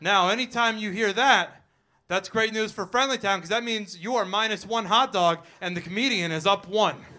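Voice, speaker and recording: A man's voice: sits high, moderate pace, pushed and bright. A man co-hosting a live comedy show, joking and laughing often as he explains the rules. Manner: jokey, laughing often, playful.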